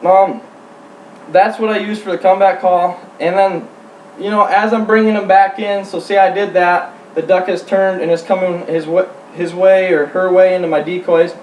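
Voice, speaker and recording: A man giving an informal how-to demonstration as a hunting instructor, speaking in a halting, plain-spoken way. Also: high voice, little pitch movement, a little mellow. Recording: roomy, distant mic, faint hum.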